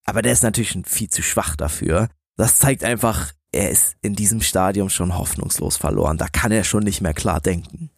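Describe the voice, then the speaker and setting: A man's voice: low-pitched, moderate pace, creaky, few pauses, no echo, clean studio sound. A man co-hosting a podcast, telling stories in a conversational style. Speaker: podcast co-host.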